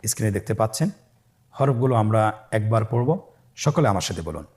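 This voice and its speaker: A man teaching Arabic letters for Quran reading step by step, calm and patient, with a Bangladeshi accent, drawing out each letter sound for listeners to repeat. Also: fairly low pitch, fast. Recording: voice over background music.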